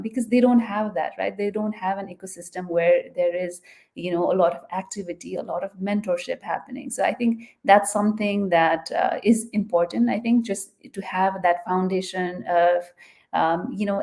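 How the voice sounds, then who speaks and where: A woman's voice: mid-range voice, gravelly, mellow. A woman from Nepal answering interview questions thoughtfully, often checking in with "right?", over a video call. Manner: thoughtful, often adds "right?" and "you know". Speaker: guest.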